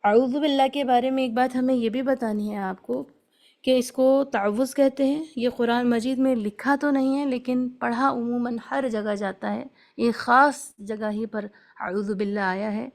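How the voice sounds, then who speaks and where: A woman teaching Quran recitation in an online lesson, explaining each sound and modelling it slowly, with English words mixed into her speech. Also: fairly high pitch, steady tone, darkish tone.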